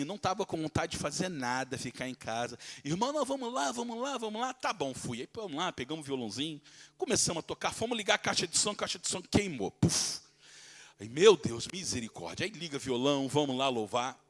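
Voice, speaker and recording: A male pastor telling a dramatic testimony in a sermon, swinging from loud exclaiming to hushed, slow speech. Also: mid-range voice.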